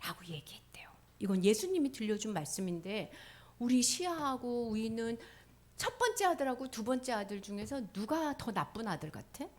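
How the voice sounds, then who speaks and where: A woman pastor telling a Bible story to children, animated and full of questions to them, sometimes dropping to a whisper. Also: on the high side.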